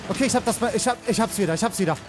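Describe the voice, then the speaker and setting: A young man giving excitable live commentary on a game he is playing, rapidly repeating words and mixing in English slang. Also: high-pitched. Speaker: let's player. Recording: game music behind.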